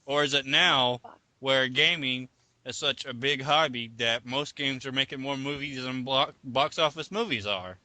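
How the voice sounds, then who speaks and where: A man's voice: medium pitch, normal speed, bright, forceful tone, no room sound. A man hosting a gaming podcast, joking with friends and posing discussion questions. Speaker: podcast host. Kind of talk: casual chat.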